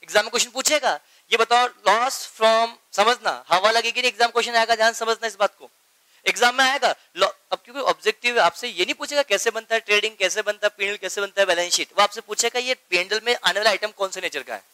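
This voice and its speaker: Guy teaching accounts, high bright voice, keeps asking if students get it, dry close sound. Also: quick pace, no echo, poor audio. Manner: keeps asking students if they follow, calls them beta; mixes Hindi with English accounting terms. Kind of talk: classroom lecture.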